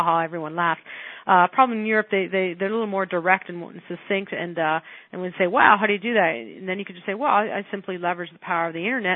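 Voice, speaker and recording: A woman marketing coach talks her listeners through a lesson in a relaxed, rambling way. Her voice comes through thin and phone-like, with no room sound around it. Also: medium pitch, no room sound. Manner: chatty, many fillers and restarts. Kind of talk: casual spoken coaching lesson. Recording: dry, tinny phone-like sound.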